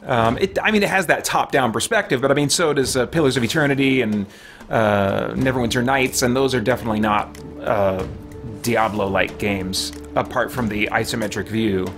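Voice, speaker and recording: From a small room at home, a middle-aged man with a mid-pitched voice hosts a casual gaming livestream at a moderate pace. He muses aloud while playing, drops mild folksy exclamations and reads out chat messages. Video game music is clearly audible in the background.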